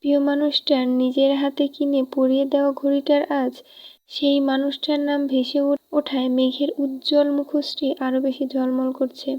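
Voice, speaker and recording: A woman reading a romance novel aloud with steady narration. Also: high voice, normal speed. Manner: steady reading, even delivery. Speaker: audiobook reader. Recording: dull lo-fi recording.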